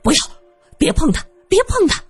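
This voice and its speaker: A panicky young male star in an audiobook, stammering and shrill, his voice leaping wildly up and down, as a woman narrator puts him on. The tone is husky and breathy, recorded dry and close with faint music underneath. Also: expressive, normal speed, no echo. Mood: terrified.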